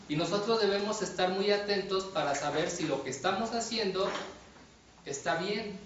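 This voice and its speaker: A man's voice: high-pitched, slight background noise. A man preaching a sermon, asking his listeners rhetorical questions and often repeating or restarting words as he goes. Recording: distant echoey room, dull sound, faint ambience.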